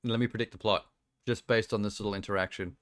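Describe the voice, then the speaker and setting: A man's voice: fairly low pitch, fairly even intonation, quick pace, fairly bright tone. An Australian man streaming casual reaction commentary, blunt and sweary, laughing easily.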